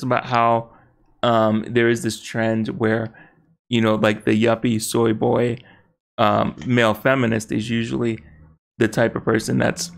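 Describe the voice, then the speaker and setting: Gravelly, hesitant man in casual talk. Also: medium pitch. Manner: hesitant, many fillers and restarts, laughs easily. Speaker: podcast co-host. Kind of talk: casual political podcast chat.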